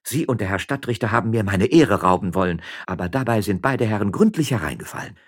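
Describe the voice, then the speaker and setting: A man's voice: lowish voice, expressive, fast, husky, voice pushed up. A man voicing a proud, fiery miller's wife. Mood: indignant. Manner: indignant, firm, proud.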